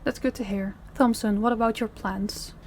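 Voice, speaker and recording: Speaking at normal speed in a fairly high, steady voice, a woman lightly acts the role of a stern female crime boss in charge of her department heads. Her delivery in this scripted roleplay is businesslike and commanding, with slight background noise behind it.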